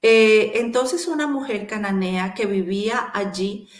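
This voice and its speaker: A woman giving a sermon-style Bible teaching, encouraging and speaking straight to the listener, pausing with fillers as she looks up verses. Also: mid-range voice, echoey room. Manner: encouraging, addresses the listener directly.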